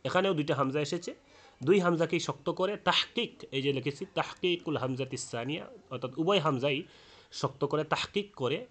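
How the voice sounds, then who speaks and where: A man teaching Quran recitation rules in a spoken lesson. He explains slowly, with frequent hesitant fillers, and chants the example words aloud. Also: a little high, a bit bright.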